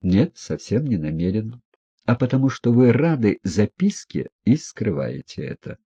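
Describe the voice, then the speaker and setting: Man reading a gentle naive young prince, soft and earnest, low husky voice, muffled lo-fi sound. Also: big pitch swings, a little slow, exaggerated voice.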